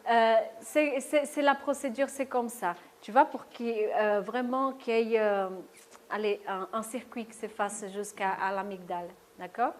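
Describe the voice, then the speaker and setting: Woman, workshop speaker, slow explanatory delivery, fairly high voice. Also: fairly even intonation. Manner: explanatory, frequent "d'accord?" checks and fillers. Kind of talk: live talk demonstrating tapping technique. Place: lecture room with audience.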